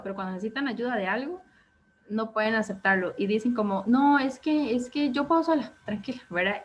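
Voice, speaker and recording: A woman therapist from Costa Rica with a Costa Rican Spanish accent and a mid-range voice leads a live online self-esteem workshop in a relaxed, conversational way. She keeps checking in with listeners using frequent "¿ok?" and "¿verdad?" and acts out quoted thoughts in a raised voice. The recording sounds dull and lo-fi, with faint background noise.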